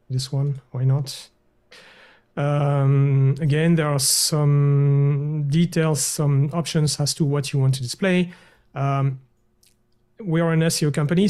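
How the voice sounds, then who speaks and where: Over a video call, a male guest developer with a fairly high voice walks through a software demo on screen share. He sounds hesitant, with lots of fillers and restarts.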